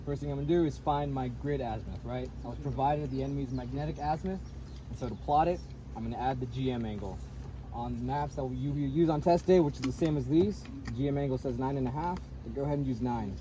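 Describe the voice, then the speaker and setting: A man's voice: mid-range voice, fast, warm tone. A man giving a step-by-step artillery map plotting demonstration, methodically narrating each step. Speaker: military demonstrator. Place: outdoors at a shaded table in a field. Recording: noisy outdoor phone recording.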